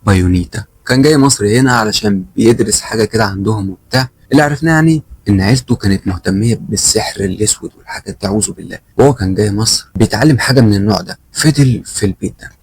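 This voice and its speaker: A young man with an Egyptian Arabic accent telling a first-person horror story in a quick, conversational way, acting out the lines of the people in it. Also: on the low side, a little hiss or hum. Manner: fast, conversational retelling with quoted dialogue.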